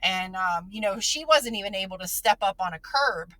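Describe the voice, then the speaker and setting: She's a podcast host and parent, speaking casually about her child in an earnest, emotional way, full of restarts and fillers. Her mid-range voice is animated and a bit bright, with a moderate pace, and there's no echo.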